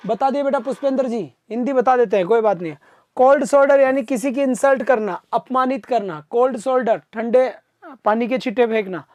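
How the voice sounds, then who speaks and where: A man teaching an exam-prep vocabulary class live online, coaxing his students to answer quickly and replying to their comments. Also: very high voice, a little mellow, no room sound. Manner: reads out viewer comments and answers them.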